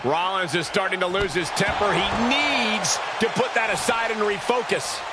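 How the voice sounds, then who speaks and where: A man playing an excitable wrestling commentator in a video game, giving animated, exclamatory play-by-play. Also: high-pitched, normal speed, lightly acted. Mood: urgent. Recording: loud arena noise behind the voice.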